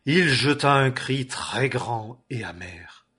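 Man reading scripture aloud, husky voice, measured solemn phrasing, mid pitch. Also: animated, bright, forceful tone. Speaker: scripture reader.

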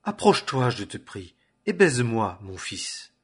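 A man reading aloud the part of an elderly patriarch father, in a husky voice. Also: medium pitch, sing-song, unhurried. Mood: solemn.

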